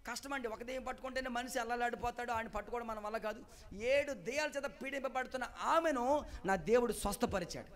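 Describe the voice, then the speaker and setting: A male pastor preaching a sermon at a Sunday service. He calls out to the congregation for responses and swings between quiet asides and loud, emphatic exclamations. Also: very high-pitched.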